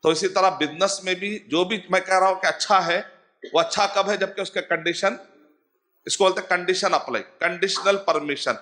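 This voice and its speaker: A man in his forties from Hyderabad, India, with a Hyderabadi Urdu accent, giving a religious lecture as an Islamic scholar, slowly spelling out Arabic terms and mixing in English words. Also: high voice, bright, forceful tone. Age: 40s.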